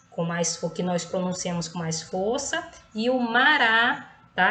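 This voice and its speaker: A woman from Brazil teaching a recorded online class, patiently repeating each point and checking in with the students, and stretching words out slowly to stress their syllables. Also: mid-range voice, a bit bright, reverberant.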